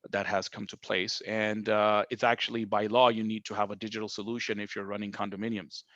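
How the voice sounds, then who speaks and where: A man's voice: on the low side, level tone, brisk, a bit bright, no room sound, muffled recording. A man being interviewed as a marketing director, explaining his work thoughtfully with many fillers and restarts. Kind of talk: business interview.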